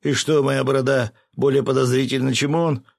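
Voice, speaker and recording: A man voicing a stubborn, whiny bearded fisherman who protests shrilly and indignantly in a storybook reading, with a gravelly edge. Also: lowish voice, lively intonation, normal speed, dry recording, studio quality, voice pushed up, heavily acted. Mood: pleading.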